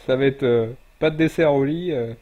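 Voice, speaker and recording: A man's voice: medium pitch, moderate pace, highs cut off. Teasing man streaming a game. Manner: teasing, mock-parental. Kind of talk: casual gaming stream chat.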